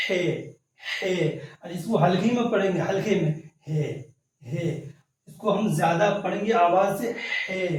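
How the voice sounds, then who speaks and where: A man's voice: high voice, a little mellow. A man teaching the alphabet, patiently sounding out and repeating each letter. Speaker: Urdu teacher. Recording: echoey room, voice far from the mic.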